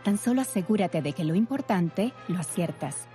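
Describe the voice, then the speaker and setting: A woman's voice: lowish voice, animated, normal speed, music in the background. Sex: woman. Style: reassuring public service read. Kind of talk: scripted ad narration.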